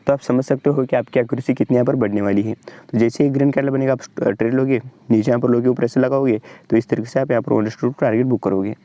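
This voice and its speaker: A young Indian man with an Indian accent, rapidly walking through a trading chart tutorial and pointing things out again and again. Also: mid-range voice, fairly even intonation, warm tone, dry recording, dull audio. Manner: fast, repetitive explainer, keeps pointing at the chart. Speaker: trading channel host. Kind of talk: screen-share trading tutorial.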